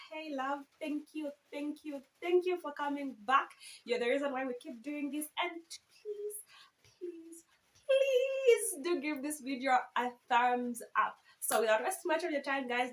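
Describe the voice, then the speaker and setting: Giggly, high-voiced young woman vlogger. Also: a bit bright, rough recording. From Zambia. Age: 20s. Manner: giggly, playful and chatty. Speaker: YouTuber. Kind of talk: casual Q and A vlog. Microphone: camera phone.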